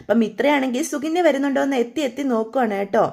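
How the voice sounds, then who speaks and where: A woman's voice: sits high, very fast, creaky, darkish tone. A woman casually retelling a drama episode in a chatty manner, tagging lines with a friendly aside. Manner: chatty, tags lines with a friendly 'you know'. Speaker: storyteller.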